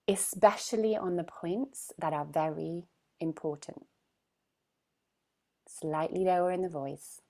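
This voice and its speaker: A woman's voice: on the low side, creaky, a little mellow. A woman coaching a group in a live online session, speaking emphatically and often checking in with "right?". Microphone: video call.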